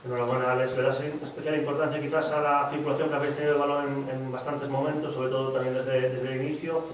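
Male reporter, quick delivery, far from the mic in an echoey room. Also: medium pitch, little pitch movement, slight background noise. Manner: long, detailed questions. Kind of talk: press conference question.

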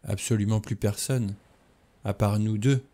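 Man voicing a young woman, calm, quiet, determined, fairly low voice. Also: a little slow.

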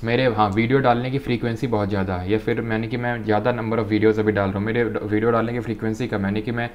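A man teaching an exam-prep physics lesson. He reads textbook lines slowly, then explains in Hindi, often saying "ठीक है". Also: lowish voice, little pitch movement, muffled recording.

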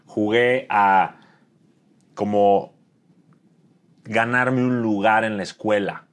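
A seated Mexican man in his thirties answers interview questions in a lowish voice. He is reflective, circling back and filling pauses as he reaches for the right phrase. The setting is a dim studio. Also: steady tone, clean tone. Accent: Mexican Spanish. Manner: thoughtful, searching for words with fillers. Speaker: interview guest, entrepreneur. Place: dim studio set with dark curtains.

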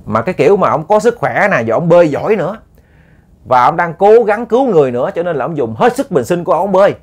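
A man's voice: fairly high pitch, very animated, fast talker, a little mellow, slightly rough. A man with a Southern Vietnamese accent telling a ghost story to listeners, casual and chatty with many repeated words.

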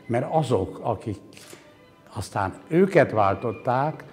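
Here the curator, a man in his 60s, sounds expressive and a little mellow in his mid-range voice. Interviewed in an indoor exhibition gallery with background music and a lapel mic, he philosophizes reflectively, mixing hesitations with emphatic points.

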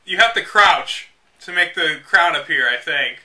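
Reading a game guide aloud as host, this man delivers the text with dramatic flair, then breaks off for casual, sarcastic, exasperated asides. His voice sits fairly high and sounds expressive and sharp, with a slightly slow pace. The recording picks him up from a distance.

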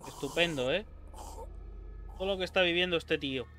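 A man commenting on a horror game, joking, swearing often and shouting when scared. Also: a little high, a little fast, a little hiss or hum. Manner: swears a lot, jokey, yells when scared. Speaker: gaming youtuber. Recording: game music behind the voice.

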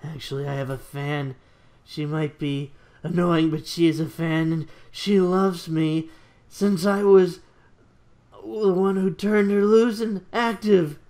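An amateur reader voicing a cool, confident male rival racer in a fan-fiction reading, with a mostly flat delivery. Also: mid-range voice, slow pace. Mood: musing.

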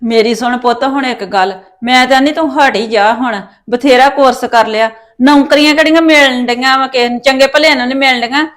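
High-voiced scolding mother, Punjabi accent. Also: a little fast, few pauses, fairly bright tone. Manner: scolding, nagging. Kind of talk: rural family drama acting.

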